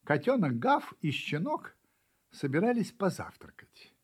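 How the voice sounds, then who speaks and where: A man narrating a children's storybook with animated, expressive delivery. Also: high-pitched, a little slow, slightly rough. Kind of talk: storybook reading.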